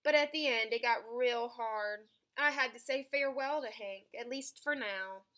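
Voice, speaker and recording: With an expressive, storytelling manner, a woman reads aloud from a picture book for children. Her pitch sits fairly high, and she keeps a moderate pace.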